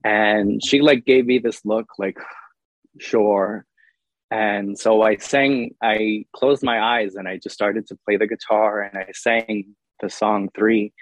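Young male singer-songwriter, low voice, dry close sound, candid interview guest. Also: steady tone, measured pace, hardly any pauses, dry recording, rough recording. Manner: earnest, open, with many ums and you-knows. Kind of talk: reflective interview answers.

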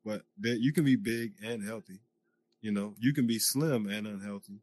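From a virtual reality social space, an American podcast guest talks through his VR headset mic at a moderate pace, his voice fairly low and darkish. The chat is casual, emphatic, and loose, with plenty of fillers.

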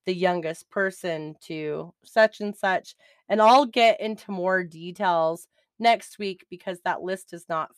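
A middle-aged woman hosting a podcast, chatting excitedly and laughing easily as she recaps. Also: lowish voice, clear, resonant tone, no echo, clean studio sound. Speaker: podcast host.

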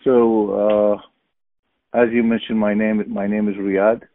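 Low-voiced man on a phone line. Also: level tone. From Iraq. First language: Arabic. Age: middle-aged. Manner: halting, searching for words, many fillers. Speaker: podcast guest. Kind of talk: casual interview.

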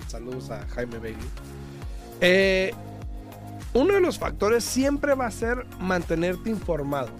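A man's voice: sits high, wildly swooping pitch, measured pace, soft background music. A man co-hosts an on-air talk show, commenting informally and rephrasing as he goes. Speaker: radio show co-host.

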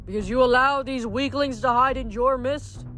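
A woman's voice: sits high, steady tone, moderate pace, fairly bright tone, faint music behind, voice pushed up. A woman reading aloud, voicing a menacing, boastful male giant in a storybook. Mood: taunting. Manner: taunting, theatrical.

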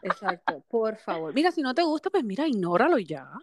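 A woman co-hosting a podcast, reacting quickly and switching between Spanish and English as she chats about a reality show. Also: a little high, sing-song, dry recording. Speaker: podcast co-host.

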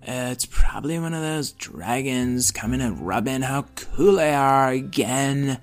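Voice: mid-range voice, measured pace, soft background music, natural voice. A storyteller voicing a laid-back, awkward young male robot with a hesitant slacker way of talking. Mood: mopey. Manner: slacker drawl full of hesitant likes and ums.

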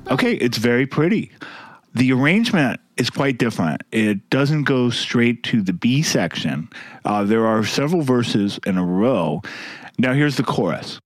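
A man's voice: medium pitch, expressive, normal speed, dry recording. Guy hosting a music podcast, chatty and wry, dry close sound. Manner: chatty, wry, hums melodies. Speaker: podcast host. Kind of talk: casual music commentary.

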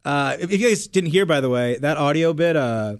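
A man hosting a radio show, bantering in a joking, animated way. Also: on the high side, brisk. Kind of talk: casual studio chat.

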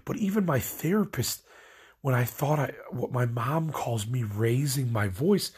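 Husky and darkish, this young Illinois vlogger's mid-range voice moves a little slowly but with lively intonation. He's stoned, rambling through a late-night rant that wanders, leans heavily on "like," and drifts off mid-thought.

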